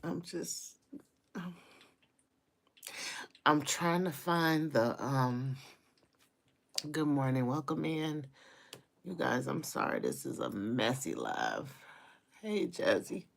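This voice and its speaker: A woman's voice: a bass voice, very animated, slow pace, vocal fry, long pauses. A woman hosting a casual live stream, venting her frustration, repeating her greetings and complaints and swearing freely.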